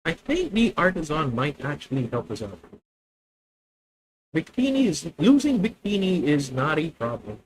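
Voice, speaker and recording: A man's voice: on the high side, big pitch swings, normal speed, a little hiss or hum, low-quality recording. A man with a Filipino accent thinking aloud as he plays a card game on stream, chatting with viewers. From Philippines. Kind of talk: live card game commentary.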